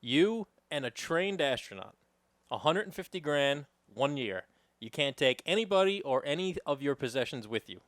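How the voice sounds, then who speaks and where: A man's voice: fairly high pitch, lively intonation, normal speed, a bit bright, no echo, clean studio sound. A man with a New York accent co-hosting a podcast, teasing his friend with hypothetical questions in casual banter. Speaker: podcast co-host.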